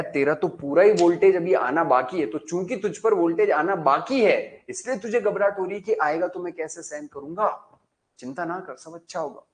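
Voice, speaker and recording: A man's voice: on the high side, close to an everyday voice. A man playing a blustering middle-aged engineer, alternately soothing and scolding. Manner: reassuring at first, then gruff and scolding.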